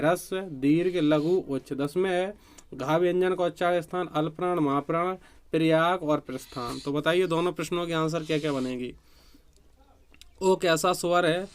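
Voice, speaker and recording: A man's voice: fairly high pitch, smooth. A man teaching a grammar quiz to exam students, repeating each question and answer. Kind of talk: online exam-prep quiz lesson.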